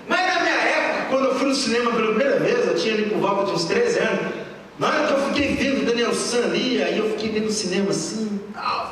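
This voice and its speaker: A man's voice: high-pitched, a little hiss or hum. A man with a Brazilian Portuguese accent preaching at a youth congress, retelling film scenes with acted voices and sound effects. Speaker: pastor. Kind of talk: animated sermon. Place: church hall at a youth congress. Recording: echoey hall from far off.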